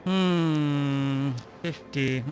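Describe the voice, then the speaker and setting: A man's voice: fairly high pitch, a little mellow, voice pushed up. A man voicing a curt, suspicious gnome ship captain in a tabletop role-play. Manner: slow, terse, suspicious.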